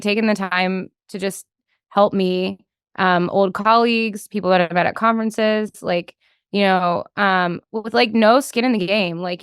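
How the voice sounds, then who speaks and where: A developer relations engineer chats casually as a podcast guest, thinking aloud and hedging often with "like." Her lowish voice has a clean tone, recorded with clean studio sound and no echo.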